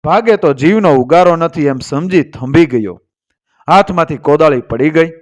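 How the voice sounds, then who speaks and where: Male storyteller reading a moral tale, steady and dramatic, voice a touch high. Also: normal speed.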